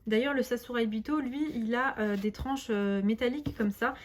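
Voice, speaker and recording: A woman's voice: a little high, moderate pace. A woman doing a casual unboxing, chatty and enthusiastic with frequent hesitations, reading out card names and translating them. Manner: reads English card names aloud with translations. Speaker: tarot and oracle deck reviewer.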